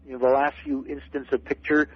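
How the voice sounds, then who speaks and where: A middle-aged man, a guest on a late-night radio show, telling stories excitedly and repeating words as he gets going. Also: medium pitch, a little fast, breathy edge, no room sound. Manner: excited storyteller, repeats words when starting. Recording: dull lo-fi radio broadcast.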